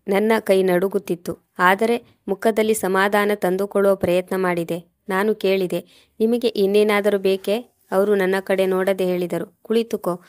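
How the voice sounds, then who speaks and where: Flat-voiced woman storyteller. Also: mid-range voice. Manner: even, measured reading. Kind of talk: first-person story narration.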